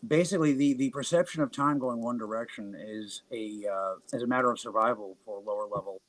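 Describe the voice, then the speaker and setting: A man's voice: mid-range voice, brisk, fairly bright tone, low-quality recording. A man on a podcast explaining his ideas earnestly, often restarting his sentences. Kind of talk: casual podcast chat.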